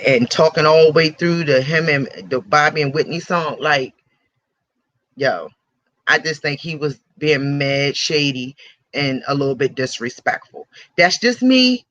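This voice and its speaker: A man's voice: on the high side, pushed and bright, no echo. A man hosting a radio show, giving blunt, profane and heated celebrity commentary and repeating his points for emphasis. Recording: dull lo-fi recording.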